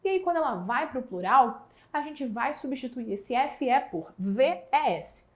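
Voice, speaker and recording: Lively, high-voiced Brazilian woman teaching. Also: unhurried. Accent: Brazilian Portuguese. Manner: lively, explanatory, stretches out example words. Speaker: English teacher. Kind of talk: exam prep lesson.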